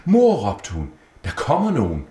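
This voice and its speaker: A poor, timid young girl, as a man puts her on, pleading and soft. Her voice has a roomy echo in this storybook reading. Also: mid-range voice, huge pitch swings, voice pushed up.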